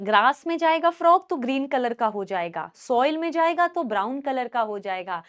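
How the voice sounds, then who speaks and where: A woman teaching a class, mixing Hindi and English. She asks questions and answers them herself, and repeats key words slowly so students can write them down. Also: high-pitched. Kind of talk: classroom lesson, dictating notes.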